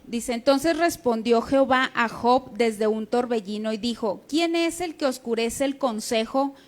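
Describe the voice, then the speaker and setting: A woman's voice: fairly high pitch, unhurried. A woman preaching a sermon, in a conversational teaching manner that keeps checking in with the congregation.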